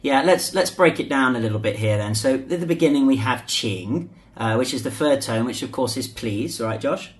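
A man's voice: medium pitch, fairly quick, hardly any pauses. A man co-hosting a casual podcast, chatty and prone to repeating himself. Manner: chatty, repeats himself, sings a short jingle. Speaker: podcast co-host.

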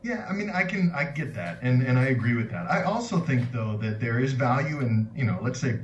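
A man's voice: medium pitch, very animated, brisk, muffled recording. A man co-hosting a podcast in a casual, conversational style. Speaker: podcast co-host. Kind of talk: casual chat. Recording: distant, echoey room with faint noise.

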